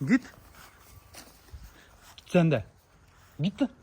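A man, a father and dog owner, chatting casually to viewers in a yard while giving sharp commands to his dogs. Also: on the high side, sing-song, very slow. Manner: sharp commands to dogs, shooing them back. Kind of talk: casual vlog talk to viewers.

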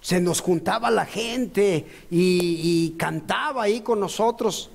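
A man's voice: high voice, slow pace, gravelly. A man preaching a rambling, conversational sermon full of fillers and asides.

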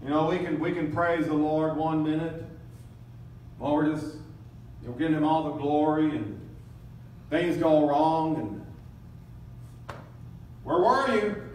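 A man's voice: a little high, fairly even intonation, unhurried, long pauses, mellow, a little hiss or hum. A man preaching a sermon in a dramatic way, acting out voices from the crowd and lamenting. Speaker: pastor. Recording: echoey room, from a distance.

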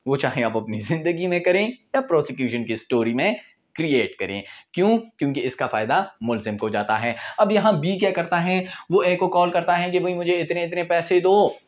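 This is a muffled recording of a man with a fairly high-pitched voice. He's in his twenties with a Pakistani accent, explaining law informally in a small indoor room with a whiteboard and mixing English legal terminology into his talk.

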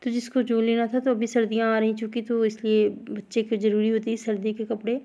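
Speaking a little fast, a woman in her thirties gives a chatty vlog voice-over in a fairly high, very mellow, soft-edged voice. Her melody stays mostly level, and she addresses viewers directly, often repeating and revisiting the same point.

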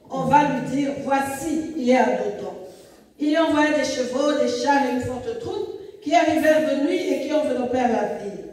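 Woman, church scripture reader, declamatory, high voice, echoey distant sound. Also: a little mellow. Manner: measured, declamatory reading. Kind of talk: reading scripture aloud in church. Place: large church hall. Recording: echoey hall, distant mic.

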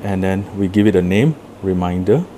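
A man's voice: deep voice, moderate pace, warm tone, a little hiss or hum. A man casually walking through a product demo, explaining each step plainly in an office room. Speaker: product demonstrator. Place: indoor office room with a table.

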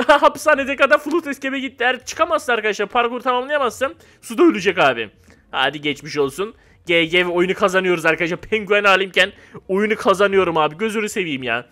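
A young man giving casual gameplay commentary, excitable and loud at times, then dropping to a flat mock-calm mumble. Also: high voice, fast talker. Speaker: gamer.

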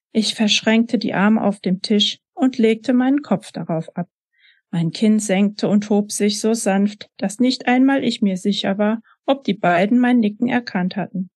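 Woman reading her novel softly. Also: medium pitch, dry recording, studio quality. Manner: soft, emotional reading. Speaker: author. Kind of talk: first-person novel reading.

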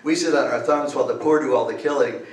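An older man recites rhyming satire in a bouncy, mocking sing-song, his voice at an ordinary middle pitch. He stands at a podium mic, picked up by a camera well back in an echoey library room. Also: quick pace, far from the mic. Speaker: open mic poet. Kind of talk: rhythmic satirical verse recitation. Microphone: podium mic, far camera.

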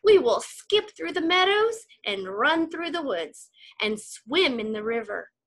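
A lively, cheerful male frog from a children's storybook, put on by a woman reading aloud, calling out high and loud. His voice is bright and leaps up and down in pitch, and he speaks slowly and clearly. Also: heavily acted. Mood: coaxing. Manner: calls out loudly and high. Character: eager cheerful male frog, excited friend.

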